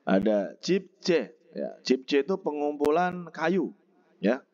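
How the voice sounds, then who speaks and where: Slow, lively-voiced man teaching vocabulary. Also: on the high side, dull audio. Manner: slow, explanatory, repeats words and pronunciations. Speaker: Korean language teacher. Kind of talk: textbook vocabulary lesson.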